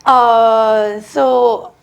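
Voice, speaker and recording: A woman's voice: on the high side, steady tone, extremely slow, gravelly, clean tone. A woman with an Indian accent talking casually and informally as a guest on a podcast. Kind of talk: casual chat.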